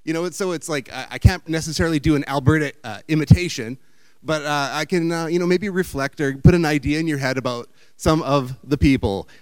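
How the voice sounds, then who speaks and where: Guy rambling through a story talk, kinda high smooth voice, super dry sound. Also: fairly quick, no echo. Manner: chatty, meandering, playful. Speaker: speaker giving a talk.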